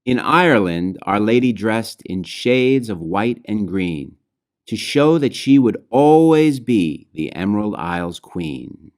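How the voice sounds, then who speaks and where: A lowish-voiced man, the book's author, reads his rhyming children's story aloud against background music. Phrase endings drift off softly in his measured, expressive delivery.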